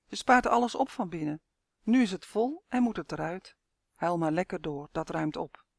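A man voicing a calm, gentle old lady of eighty. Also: high voice, normal speed, gravelly, no echo, studio quality, exaggerated voice. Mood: soothing. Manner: calm, soothing, gently wise. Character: kind frail old woman of eighty.

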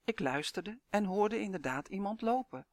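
A narrator reading a first-person travel story in a calm, measured storytelling manner. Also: medium pitch, no echo.

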